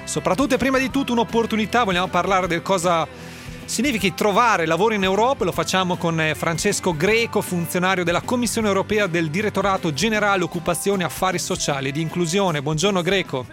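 A man hosting a radio program, interviewing guests in a lively, conversational way with an Italian accent. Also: high voice, fast, soft background music. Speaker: radio host.

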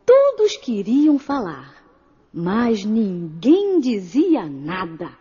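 Woman, children's story narration, expressive, lively pitch, unhurried. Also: very noisy. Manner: expressive, addresses the child listener. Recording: dull lo-fi audio.

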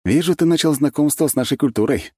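A man's voice: on the high side, quick pace, a little mellow, slightly rough, no echo, pitched above the performer's own voice. A man voicing a confident young prince in an audiobook, talking in a dry, commanding way. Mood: wry.

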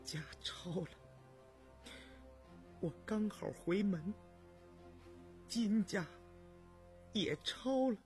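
A man voicing a grieving middle-aged woman who pleads softly in a choked, tearful voice, pitched well above his own. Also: big pitch swings, takes it slowly, pauses often, faint music behind, full character voice.

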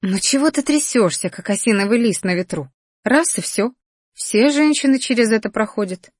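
A woman's voice: on the high side, expressive, moderate pace, husky, dry recording. A cheeky little lizard spirit scolds and teases in a raised, slightly distant voice, as a woman narrator puts her on. The storybook voice stays dry and close, with no room sound. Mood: chiding. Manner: chiding, playful. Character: teasing female lizard spirit companion.

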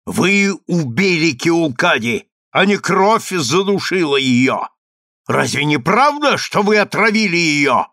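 A man's voice: fairly high pitch, very animated, takes it slowly, bright, forceful tone, no room sound, studio quality, voice pushed up, exaggerated voice. Man doing a roaring, brutal vizier. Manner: roaring, commanding. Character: imperious, brutal vizier, a middle-aged man quick to rage.

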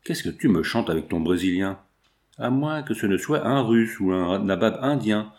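A man voicing a sharp-tongued young redheaded chorus girl, snapping back with dismissive retorts. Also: lowish voice, expressive, normal speed. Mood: snappish.

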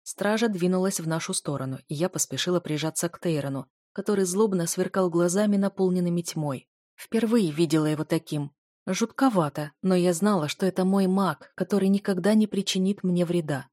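Female audiobook narrator, steady first-person storytelling, slightly low voice, dry close mic. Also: fairly quick, dry recording.

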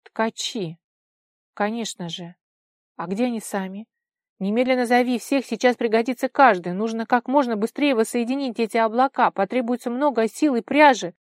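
A woman's voice: fairly high pitch, moderate pace, dry recording, studio quality, close to an everyday voice. A woman reader voicing an anxious, commanding young celestial woman, urgent and imperious in speech.

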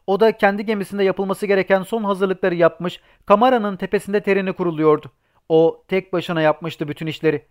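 A man's voice: sits high, fairly even intonation, brisk, clear, resonant tone. Man narrating an audiobook. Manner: reads a novel aloud, giving the characters' lines too. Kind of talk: scripted narration.

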